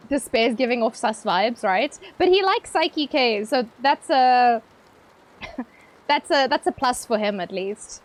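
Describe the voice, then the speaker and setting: A woman's voice: on the high side, lively intonation, slow, pauses often, poor audio. A young woman streamer chatting casually with her viewers while gaming, playful and teasing, laughing often.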